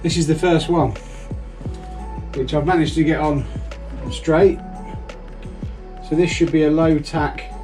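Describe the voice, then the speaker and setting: Against soft background music, a British vlogger speaks at a measured pace with long pauses, his fairly high voice slightly mellow and fairly even in intonation. As a livestream host, he's casual and playful, often talking to himself.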